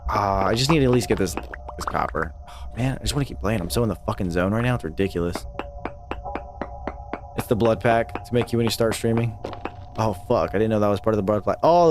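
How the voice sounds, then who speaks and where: A man's voice: on the low side, fast talker, over music. A young man streaming a video game live, chatting casually, laughing often and swearing freely. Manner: laid-back, swears a lot, laughs often. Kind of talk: casual live gameplay chat.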